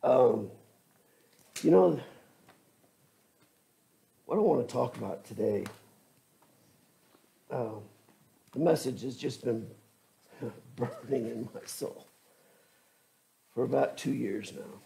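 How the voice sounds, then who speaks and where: A man in his sixties gives a sermon from a lectern mic in a small church. His voice is deep-toned and gravelly, and he speaks slowly. He stops and restarts often and sounds a little shaky with nerves. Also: animated, warm tone. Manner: halting, self-deprecating, frequent restarts and fillers. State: trembling with nerves. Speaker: church elder preaching. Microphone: lectern microphone.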